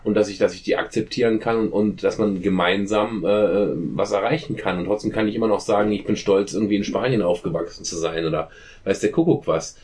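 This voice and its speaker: A man with a slightly low voice takes part in a casual group discussion. He speaks with emphasis but often stumbles and repeats words mid-sentence. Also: fairly quick, darkish tone. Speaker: discussion participant.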